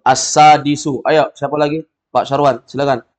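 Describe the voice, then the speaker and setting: A man's voice: mid-range voice, moderate pace. Man teaching a class, quizzing students. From Indonesia. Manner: drilling students, quizzing and correcting. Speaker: Arabic teacher. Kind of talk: classroom language lesson.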